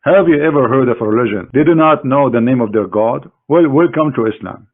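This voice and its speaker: A religious critic presents a screen demonstration in a mocking screen-share lecture, talking a little fast in a medium-pitched male voice. He's scornful and sarcastic, addressing his opponent directly, and the audio sounds thin, like a phone line.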